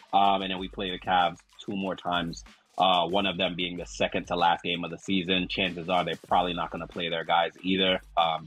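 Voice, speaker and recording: A man hosting a sports podcast in casual chat, measured and steady, often filling with "you know". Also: sits low, husky. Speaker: podcast host leading the segment.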